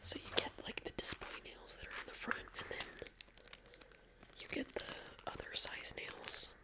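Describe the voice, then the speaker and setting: A woman in her twenties chatting in a whispered ASMR style, slightly congested with audible breathing, rambling with many "like" fillers. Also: measured pace. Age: 20s. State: congested, stuffy nose. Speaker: ASMR creator.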